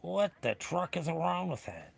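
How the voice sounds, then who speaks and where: A middle-aged American man with a raspy, gravelly whiskey voice, chatting casually and bluntly with livestream viewers in a rambling way. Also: on the high side, sing-song, measured pace. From United States. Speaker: livestream host.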